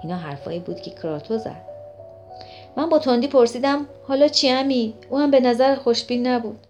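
A woman's voice: fairly high pitch, dark tone. A woman reading a story aloud as narrator, voicing the characters' lines in close to her own voice. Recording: faint music behind the voice.

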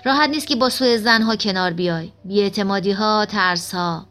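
A woman reading as a calm, gentle female guide. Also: medium pitch, soft background music, natural voice. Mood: reassuring. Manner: gentle, reassuring. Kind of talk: audiobook reading.

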